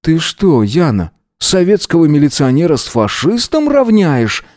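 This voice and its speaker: A stern Soviet police officer speaks in short, dry sentences, as a male reader plays him. His voice is a little lifted above the reader's own tone and stays lively. It is a dry, close audiobook recording. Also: on the high side, unhurried, no room sound, voice pushed up. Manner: curt and dry. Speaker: police lieutenant.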